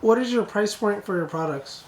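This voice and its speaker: An off-camera interviewer briskly reading short questions. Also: mid-range voice, animated, echoey room, slight background noise, low-quality recording.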